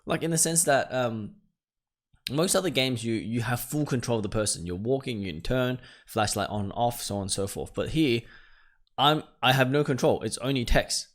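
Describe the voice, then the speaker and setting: Speaking at a moderate pace in a mid-range voice, a male game streamer reads game text aloud for his let's-play. He's on edge throughout, exclaiming nervously in the gaps between what he reads.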